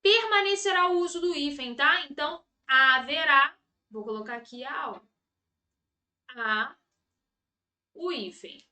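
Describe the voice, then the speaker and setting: A woman from Brazil teaches an exam-prep grammar lesson in a bright, very high voice. She speaks slowly and deliberately, repeats key words and checks in with her students often.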